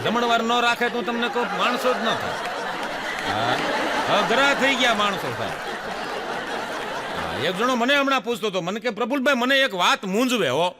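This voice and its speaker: A man's voice: high-pitched, heavy background noise. A man doing stand-up, telling jokes as stories and voicing the people in them. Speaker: stand-up comedian. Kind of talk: Gujarati stand-up joke telling. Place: stage before a live laughing audience. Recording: live stage with hall reverb.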